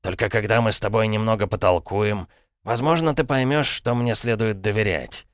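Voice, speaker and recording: A scheming middle-aged uncle, all smooth mock courtesy and ironic self-regard, as a male narrator puts him on higher than his own voice. He purrs his lines with a knowing, pompous air. The storybook reading sits close and dry, with no room around it. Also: moderate pace, no room sound, natural voice. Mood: smug. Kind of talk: audiobook character voice.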